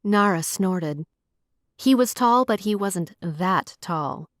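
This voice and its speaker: A woman narrating a romance audiobook in an even, measured storytelling voice. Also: medium pitch, dry recording, clean studio sound.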